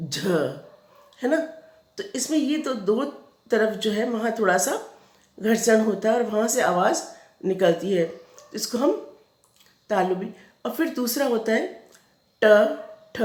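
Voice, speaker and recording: A woman's voice: medium pitch, darkish tone. A woman teacher giving a patient Hindi grammar lesson to young children, often checking in with a question, in a Rajasthani Hindi accent. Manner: patient, explains slowly, often asks "है ना?". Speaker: school teacher. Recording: echoey room.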